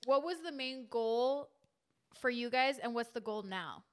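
Woman, podcast host, high voice, casual interview, quick reactions. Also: clean tone. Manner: asks questions, quick reactions.

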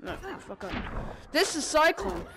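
A woman giving casual gameplay commentary, excitable and swearing, making silly sound effects. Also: high-pitched, measured pace, gravelly, heavy background noise. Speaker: gamer playing on stream.

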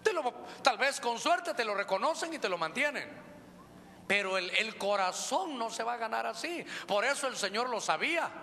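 High, bright-voiced Honduran preacher. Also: male voice, normal speed. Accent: Honduran Spanish. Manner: lively, joking, calls listeners brother. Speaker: pastor. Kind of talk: sermon. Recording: reverberant church hall, faint noise.

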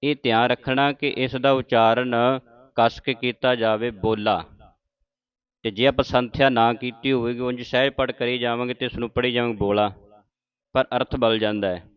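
A man with a Punjabi accent teaching pronunciation of scripture, chanting lines slowly and correcting each word, addressing listeners as the congregation. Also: mid-range voice, fairly even intonation, clear, resonant tone, dull audio. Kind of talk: religious pronunciation lesson.

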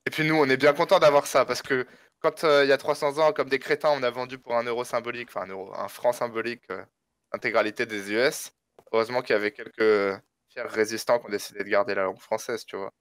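A man's voice: medium pitch, fairly even intonation, fast talker, a bit bright, no room sound. A man chatting casually with a teasing, rambling manner while playing a game. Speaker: game co-player. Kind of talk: casual gameplay chat.

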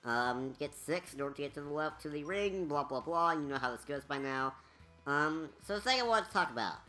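A woman's voice: low voice, animated, brisk, bright, forceful tone, faint music behind. A woman giving casual, rambling commentary over a game walkthrough, chatty with many fillers.

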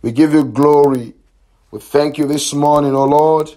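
Slow fervent man praying aloud. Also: a little high, steady tone, mellow, poor audio. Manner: chanting, repetitive, commanding. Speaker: pastor leading a prayer line. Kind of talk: fervent prayer with speaking in tongues. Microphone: phone or call line.

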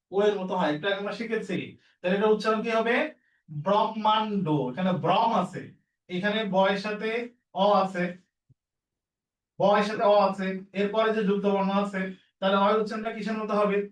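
A man's voice: high-pitched, fairly even intonation, fairly quick, long pauses, echoey room, recorded from a distance, poor audio. A man teaching an exam-prep lesson, repeating each rule and quizzing his students as he works through the questions. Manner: repetitive, drilling rules with questions to students.

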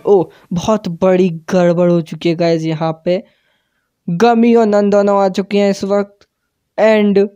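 A man giving live gameplay commentary for his channel, tense and excitable, dropping English words into his play-by-play. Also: high voice, no room sound, clean studio sound. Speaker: gaming channel host.

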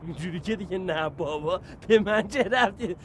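An actor playing a police captain who coaxes a desperate man on a city rooftop and flares into shouting. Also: high-pitched, slight background noise, lightly acted. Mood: coaxing. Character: earnest, excitable police detective talking a man down. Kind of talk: TV series acting.

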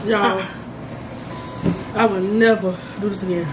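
A woman's voice: medium pitch, fairly even intonation, unhurried, noisy background. A young woman chatting casually in slangy, profane talk while eating, her mouth burning from hot, spicy food. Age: young adult. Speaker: food challenge vlogger. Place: indoor dining room at home.

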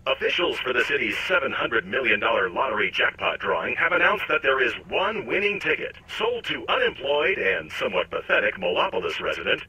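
An actor playing a male news announcer, heard over a radio as a bulletin that cuts into a program, in a crisp newsreader cadence with a mocking edge. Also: on the high side, bright, forceful tone, heavily acted, low-quality recording. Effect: heard over a radio as an interrupting news bulletin.

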